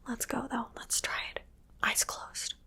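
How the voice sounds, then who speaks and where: A woman whispering softly into a close microphone, coaxing and praising the listener through an ASMR guessing game. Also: a little slow. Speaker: ASMR creator. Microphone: close sensitive microphone.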